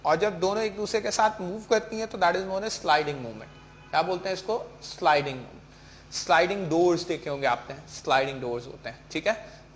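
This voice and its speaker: A man's voice: on the high side, a bit bright. A man teaching a lesson in a slightly raised voice. He asks a question and answers it himself, and he checks often that his students follow. A faint hiss sits under the recording. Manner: mixes in English terms, keeps checking with "ठीक है". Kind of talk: classroom lecture.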